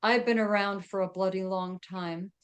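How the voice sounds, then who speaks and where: Chatty woman with a smooth voice. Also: mid-range voice, fairly even intonation, normal speed. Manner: chatty, laughs often, many fillers. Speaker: guest. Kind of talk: casual interview chat.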